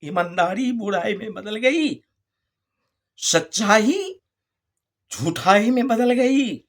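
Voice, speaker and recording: A man's voice: sits high, expressive. A male preacher telling a moral folk fable in a sermon, repeating phrases and asking the listeners rhetorical questions. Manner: drawn-out, storytelling delivery.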